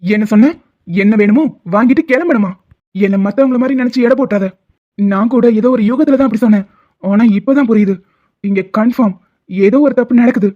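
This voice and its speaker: A woman's voice: fairly high pitch, a little fast, pauses often, dark tone, close to an everyday voice. A woman voicing a protective, righteous male doctor in a cartoon drama, who speaks in a reassuring but firm way. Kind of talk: cartoon voice acting. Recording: tinny phone-like sound.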